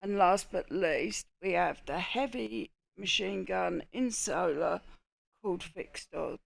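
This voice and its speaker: A woman's voice: lowish voice, slow, gravelly, no echo. A woman with a Cockney accent narrating a casual video game guide. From England. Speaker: gaming video host.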